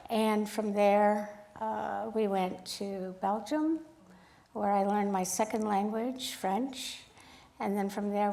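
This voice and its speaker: A woman photographer speaks at an art club in a casual, chatty way, telling her story with animated energy and acting out the other people's lines. Her voice sits in the middle of the range. The room is echoey and reverberant. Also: medium pitch, vocal fry. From United States, grew up in Sacramento. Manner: chatty, animated, acts out quoted dialogue. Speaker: photographer giving a guest talk.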